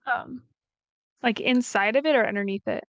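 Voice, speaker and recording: A woman's voice: fairly high pitch, normal speed, slight background noise. A woman playing a tabletop game, tentative and casual as she describes her actions. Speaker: player.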